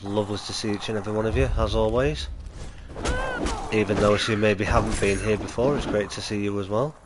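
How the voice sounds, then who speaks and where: A man hosts a casual gaming livestream, sounding nasal and stuffy from a cold as he chats easily with viewers. His tone is steady, low-key and easygoing, his pace brisk, with background noise behind him.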